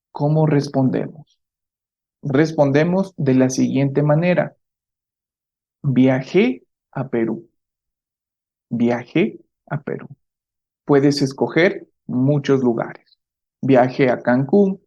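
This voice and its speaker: Slow, patient man teaching a language. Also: fairly high pitch, darkish tone, highs cut off. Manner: checks in often with rising "¿sí?"; slows down to model pronunciation. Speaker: Spanish teacher. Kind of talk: slow, clear language lesson.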